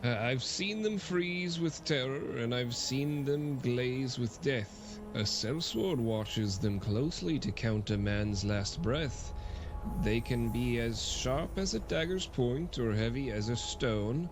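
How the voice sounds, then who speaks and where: A man playing a mysterious wandering riddler in an improvised game role-play, speaking slowly and grandly. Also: mid-range voice, animated, background noise. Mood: cryptic. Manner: slow, grandiose, riddling speech. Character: mysterious wandering male riddler, cryptic and solemn.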